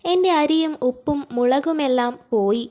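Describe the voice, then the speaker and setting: A poor young girl, frightened and tearful, voiced by a woman in a storybook reading. She pleads in a high voice. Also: moderate pace, darkish tone, natural voice. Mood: distressed.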